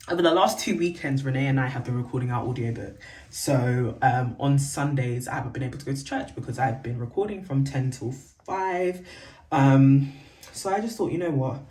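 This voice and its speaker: A woman's voice: extremely low pitch, a little mellow. A young woman chatting casually to the camera for her vlog, rambling and correcting herself with lots of fillers, recorded at home. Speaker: vlogger. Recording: roomy, distant, faint background noise.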